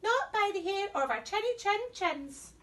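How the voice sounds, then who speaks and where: Woman voicing squealing, very high little pig. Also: lively intonation, normal speed, a bit bright, far from the mic. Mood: defiant. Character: frightened, defiant little pigs in a children's storybook.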